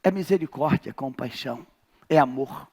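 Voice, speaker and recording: A male pastor from Brazil with a Rio de Janeiro accent, preaching a sermon in a large church, telling a story dramatically and swinging between shouts and near-whispers. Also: medium pitch, moderate pace, creaky, husky. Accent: Rio de Janeiro Portuguese.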